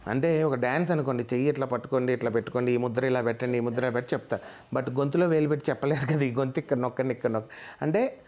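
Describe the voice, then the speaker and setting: A man's voice: mid-range voice, very fast, darkish tone. A male comedian and mimicry artist talks through his craft in an interview. He explains things earnestly and step by step, slipping English words into his answers.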